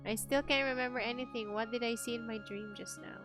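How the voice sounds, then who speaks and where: A woman reacting excitably to a game and reading along as she plays. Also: on the high side, fast talker. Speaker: streamer playing a game. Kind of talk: live gameplay reaction and reading aloud. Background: game music.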